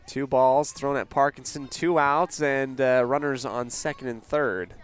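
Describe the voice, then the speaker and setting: A man doing play-by-play for a local radio softball game, calm and unhurried with casual fillers, lifting his voice on big plays. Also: mid-range voice, clear, resonant tone. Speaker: play-by-play announcer.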